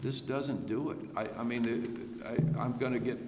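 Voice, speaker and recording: A man reasoning aloud in court with hesitant, broken phrasing and long pauses. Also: mid-range voice, fairly even intonation. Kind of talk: halting spoken reasoning in court. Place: large courtroom. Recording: far-off echoey hall with clear noise.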